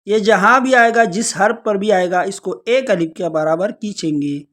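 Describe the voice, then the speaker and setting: A Quran recitation teacher, explaining pronunciation step by step and slowly drawing out each example word. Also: mid-range voice, fairly bright tone. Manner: slow, drawn-out recitation of examples between explanations.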